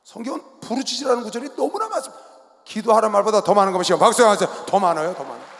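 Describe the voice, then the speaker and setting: Male pastor, high voice, sermon in a big arena with long reverb, shouts then drops low. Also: lively intonation, racing, gravelly, a little hiss or hum. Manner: preaching with sudden shouts and quiet asides. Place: large sports arena.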